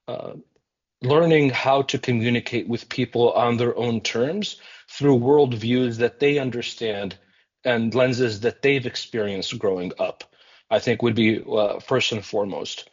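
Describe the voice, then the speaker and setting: A man of ordinary pitch gives earnest remarks at a civic meeting, measured and thoughtful, with many ums and uhs. The sound is somewhat dull and muffled, as if the recording loses its highs. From United States. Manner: earnest, measured, with frequent fillers. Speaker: community center representative.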